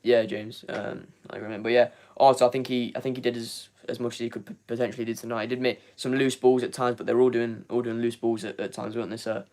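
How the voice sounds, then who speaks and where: Talking fast with hardly any pauses, this young fan channel host has a mid-range, level, slightly mellow voice. During his live match review he reads the chat, his voice going hoarse as he rambles through repeated words and fillers.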